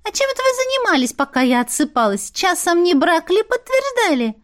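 A woman's voice: very high voice, very animated, a little fast, dry recording, clean studio sound, voice pushed up. A woman voicing a sly, mocking young female otter spirit in an audiobook. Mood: teasing. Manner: mocking, snippy.

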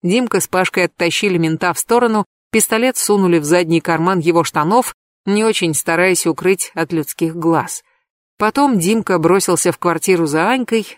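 A woman narrating a comic crime novel in the first person, in a lively, ironic storytelling manner. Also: lowish voice, no room sound, studio quality. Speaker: audiobook narrator.

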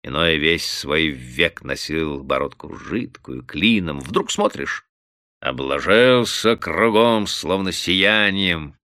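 A man reading a classic story aloud as narration, in an expressive, measured storytelling manner. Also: rumbling low, dry recording, clean studio sound. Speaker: audiobook reader. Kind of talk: scripted narration.

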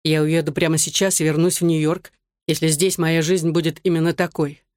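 Reader's take on a defiant young graduate, argumentative, loud, plain dry sound. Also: mid-range voice, little pitch movement, brisk, no echo, close to an everyday voice. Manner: argumentative, raised voice. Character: young man, defiant military academy graduate. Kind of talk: audiobook reading.

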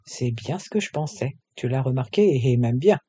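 A man's voice: medium pitch, lively intonation, moderate pace, dark tone, husky. A man voicing a playful, teasing young woman who runs a clothing shop with her friend. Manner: teasing, bold.

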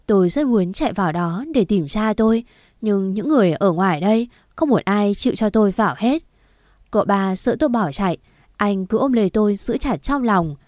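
A woman narrating a first-person story in an earnest, steady reading. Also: medium pitch, no echo, studio quality.

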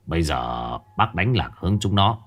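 Man doing a low, hushed, steady older ally, serious and careful, horror audiobook. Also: moderate pace, soft background music, full character voice. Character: calm older male ally, cautious and steady.

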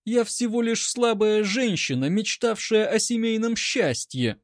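A man's voice: high-pitched, sing-song, a little slow, no room sound, clean studio sound, pitched above the performer's own voice. A man putting on a wailing melodramatic bride. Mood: tragic pleading. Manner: pleading, tearful, overacted exclamations. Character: melodramatic young woman, a bride wailing theatrically.

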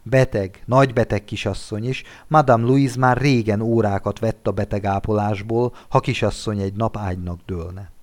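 A man narrating a classic literary story for an audiobook. He reads expressively, and his voice sits a little low. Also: steady tone, hardly any pauses, darkish tone. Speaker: audiobook reader.

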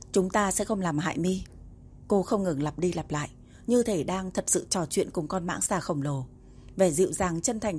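Low-voiced woman narrating a novel. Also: a little mellow, slight background noise. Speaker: audiobook narrator. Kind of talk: storybook narration.

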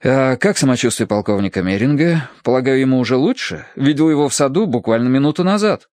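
A man doing a courteous young gentleman. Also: mid-range voice, expressive, fast talker, no echo, studio quality, close to an everyday voice. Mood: polite. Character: polite young English gentleman.

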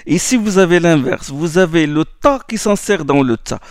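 A man's voice: a little high, animated, normal speed, dry recording, studio quality. A man teaching Quran recitation rules in a lesson, explaining in French and chanting Arabic verses, often repeating words as he goes.

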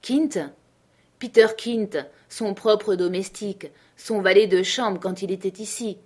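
A woman voicing a frightened middle-aged housekeeper who speaks in halting, hushed words while reading a storybook aloud. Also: mid-range voice. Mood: shaken.

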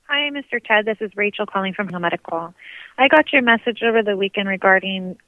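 A woman's voice: mid-range voice, fairly quick, a little hiss or hum. A woman from an office leaving a polite, businesslike voicemail, played back over a phone line. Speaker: office staff returning a call.

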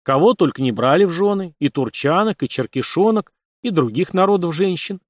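A confident young nobleman who gives orders calmly and with a dry wit, as a male reader voices him. His voice is a touch high and very lively. It is close and dry. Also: brisk, dry recording. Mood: persuasive. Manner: assured, matter-of-fact and commanding. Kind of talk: audiobook character voice.

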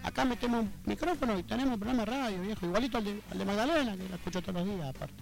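A man playing an excited young male friend in a radio promo, chattering fast with a Rioplatense accent. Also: high-pitched, vocal fry, voice pushed up, rough recording. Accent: Rioplatense Spanish. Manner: rapid excited chatter, repeats "viejo".

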